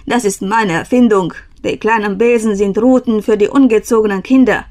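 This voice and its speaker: A woman voicing a grumpy, bearded male broom-maker in a storybook reading, gruff and grumbling. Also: medium pitch, steady tone, normal speed, darkish tone, close to an everyday voice.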